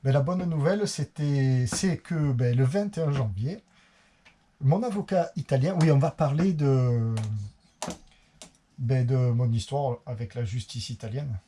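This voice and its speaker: A man's voice: medium pitch, measured pace, dark tone, slight background noise. A man with a Marseille accent, a sailing vlogger talking casually to camera in a chatty, meandering, plain-spoken way. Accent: Marseille French. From Marseille, France.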